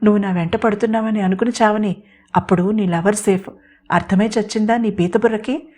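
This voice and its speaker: A woman's voice: mid-range voice, steady tone, warm tone, lightly acted. A woman voicing a bold, scheming young woman who scolds and bosses others in an audio story. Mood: bossy teasing. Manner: bossy, rapid, scolding.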